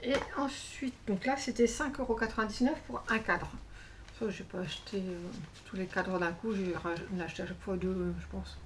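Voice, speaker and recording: A woman craft vlogger talks casually through her shopping haul at a mid pitch. She rambles, corrects herself and fills pauses as she goes. A faint hiss of background noise sits under her voice. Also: steady tone. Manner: chatty and rambling, many fillers and self-corrections. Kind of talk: casual haul chat to camera.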